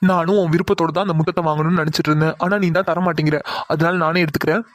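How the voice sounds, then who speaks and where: A man's voice: fairly high pitch, steady tone, very fast, natural voice. A man voicing a young male college bully in a cartoon drama, taunting and coaxing a girl, then whining and begging when he is caught.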